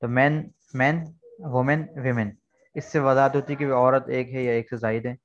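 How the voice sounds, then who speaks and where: Patient teacher, dull call audio. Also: male voice, medium pitch, steady tone, moderate pace. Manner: patient, repeats key points with "theek hai". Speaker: English teacher. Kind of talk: online lesson explaining vocabulary. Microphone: video call.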